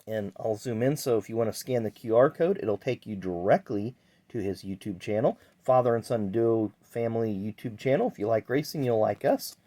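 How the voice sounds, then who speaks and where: Man, low voice, chatty rambling vlog host showing off collectibles. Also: normal speed, mellow. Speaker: channel host. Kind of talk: casual card-collecting vlog.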